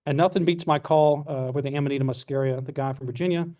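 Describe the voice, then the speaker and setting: A man giving a lecture as guest speaker, telling anecdotes in an animated way with many fillers. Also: fairly high pitch, fast. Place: lecture room. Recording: distant from the mic.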